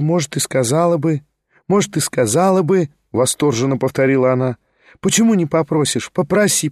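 A man's voice: on the high side, no echo, studio quality, voice pushed up, natural voice. Man putting on a pleading, tearful holy-fool woman. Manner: singsong, pleading, wistful. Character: simple-minded, tearful, dreamy woman, devout and childlike.

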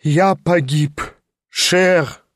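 A man reading an audiobook, voicing a frightened, tearful aging gentleman who pleads in a hushed, anxious way and drops in French phrases. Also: a little high, expressive, slow pace, no echo, clean studio sound. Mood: despairing.

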